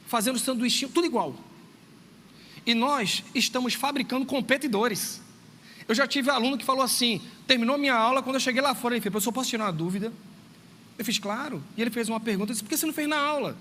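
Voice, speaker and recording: A man, a teacher, giving a church talk to parents in a lively storytelling way, acting out dialogue and speaking straight to his listeners. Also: extremely high pitch, fast. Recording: long reverb, faint background noise.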